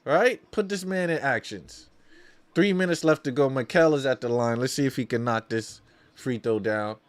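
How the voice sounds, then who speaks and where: A man hosts a watch-along, calling a basketball game live as a partisan fan in slangy talk and often repeating phrases for emphasis. His voice is mid-range and his pace moderate.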